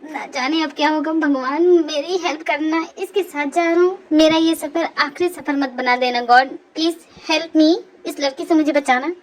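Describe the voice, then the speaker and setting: A woman's voice: high voice, fairly even intonation, moderate pace, hardly any pauses, pitched below the performer's own voice, natural voice, low-quality recording. A young woman voicing an anxious young man who pleads for help to escape a pushy girl. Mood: nervous.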